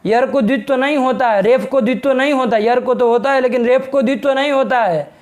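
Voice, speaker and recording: A middle-aged man with a very high voice leads an online Sanskrit grammar lesson. Brisk and scolding, he insists that a student state his question clearly.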